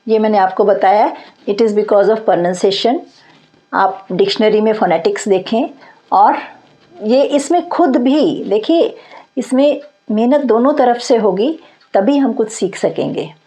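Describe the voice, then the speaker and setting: Slow-speaking woman teaching English grammar. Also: medium pitch, warm tone. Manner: patient, repeats points and checks with "theek hai"; reads English example sentences out slowly. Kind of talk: grammar lesson explained in Hindi.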